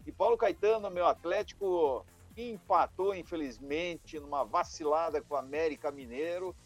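A man giving a lively weather and football report on radio, often addressing the host directly. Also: fairly high pitch, normal speed, faint music behind. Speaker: weather and sports correspondent.

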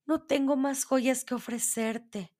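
A woman voicing a young miller's daughter turned queen, begging in a high, imploring voice in a storybook reading. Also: unhurried, a little mellow. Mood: despairing.

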